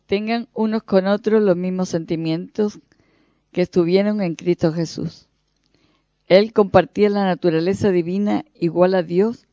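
A reader slowly and solemnly reading a Bible passage aloud. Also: medium pitch, mellow, no echo. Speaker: scripture reader. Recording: dull, muffled dry recording.

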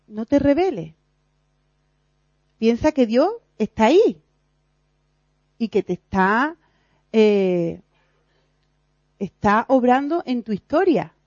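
A woman's voice: on the high side, darkish tone, no room sound, lo-fi sound. A woman giving an earnest, confessional religious teaching, acting out her own worries aloud and laughing at herself. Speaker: lay teacher in a church group.

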